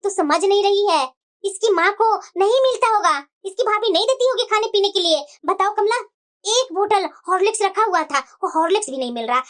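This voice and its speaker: A woman's voice: extremely high pitch, a bit bright. A woman voicing a suspicious, grumbling older mother-in-law in a cartoon moral story.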